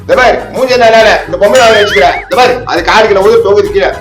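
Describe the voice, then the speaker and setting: A man voicing a fast, muttering cartoon dad. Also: high-pitched, reverberant, music in the background, natural voice. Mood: chatty. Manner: muttering, grumbling to himself. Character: bewildered middle-aged father of the house. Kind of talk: fan-made cartoon dub.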